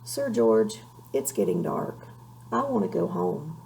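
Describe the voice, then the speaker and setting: A woman voicing a young, gentle boy dragon in a storybook, plaintive and downhearted. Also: on the low side, wildly swooping pitch, takes it slowly, gravelly, slight background noise, heavily acted, poor audio.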